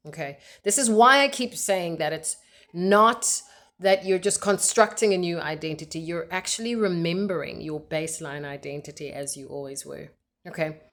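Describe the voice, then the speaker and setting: A woman hosting a solo podcast, talking in an earnest, emphatic coaching manner with frequent check-ins to the listener. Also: on the low side. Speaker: podcast host.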